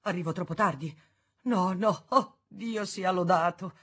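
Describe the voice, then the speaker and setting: A woman doing a gushing, shouting emotional man. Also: lowish voice, a little slow, slightly rough, pitched above the performer's own voice. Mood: overjoyed. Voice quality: loud, excited. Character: emotional middle-aged man, gushing and tearful.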